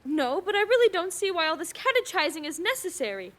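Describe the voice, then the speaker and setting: A woman's voice: extremely high pitch, big pitch swings, fast talker, fairly bright tone, heavily acted. An actress playing a nervous, demanding bedridden woman in a suspense radio play, agitated and pleading.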